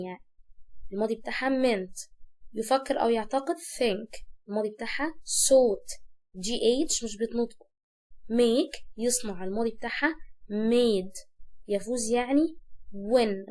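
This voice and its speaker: A young adult woman with an Egyptian Arabic accent, teaching an English lesson, who stretches out and repeats words slowly to model their pronunciation. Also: a little high, darkish tone.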